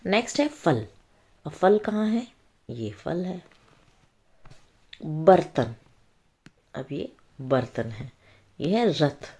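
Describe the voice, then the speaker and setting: A woman with a low, mellow voice walks young children through a reading worksheet. She speaks slowly and patiently, naming each word and checking in with the children often. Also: sing-song, slightly rough. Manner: slow, patient explaining with frequent check-ins. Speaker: teacher.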